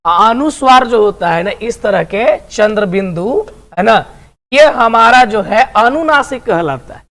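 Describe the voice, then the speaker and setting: A man's voice: high-pitched, lively intonation, unhurried, fairly bright tone. A man teaching Hindi grammar in an online video lesson, coaxing his students along and tagging nearly every sentence with a question. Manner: repeats tag questions often; coaxing, addresses students as dear and friends.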